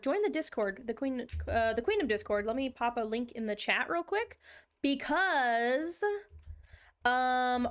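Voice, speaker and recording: A woman's voice: high voice, fairly bright tone. A young woman streaming a game, chatting casually with viewers in a bubbly, chatty way and laughing often. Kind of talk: casual live-stream chat.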